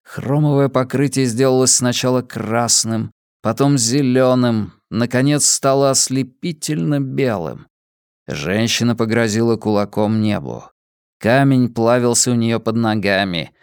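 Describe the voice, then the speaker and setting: A man narrating an audiobook in a steady, measured reading voice. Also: mid-range voice, smooth, no echo, studio quality.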